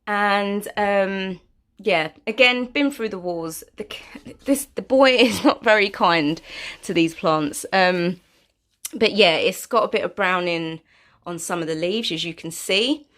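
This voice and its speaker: A woman's voice: medium pitch, measured pace, fairly bright tone. A woman chatting casually through a home vlog, self-deprecating and full of fillers. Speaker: vlogger. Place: home, indoors.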